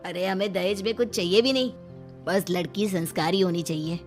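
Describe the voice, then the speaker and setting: A woman's voice: fairly low pitch, fairly quick, faint music behind, close to an everyday voice. A woman voicing an easygoing middle-aged village husband in a cartoon story, speaking in a hearty, friendly way.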